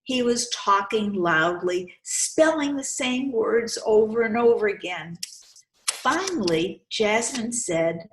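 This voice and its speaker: A woman hosts a children's storytime, reading books aloud and explaining them in a deliberate, instructive, animated way, often repeating phrases for the young listeners. Her voice is medium in pitch, and the recording sounds roomy and echoey.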